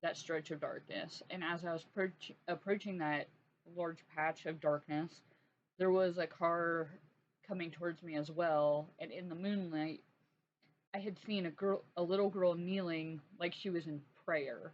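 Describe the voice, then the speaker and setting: A woman hosting her own channel, telling a personal story in a halting, earnest way with many restarts. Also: lowish voice, steady tone. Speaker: art channel host. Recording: dull lo-fi sound with faint noise.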